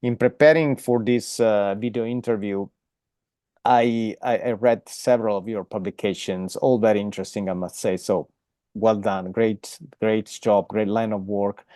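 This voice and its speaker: A man hosts an academic interview in a low, warm, mellow voice. He speaks in a measured, hesitant way and fills his pauses often. The sound is dry and close to the mic. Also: fairly even intonation, no echo. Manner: measured, hesitant with many fillers. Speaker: interview host.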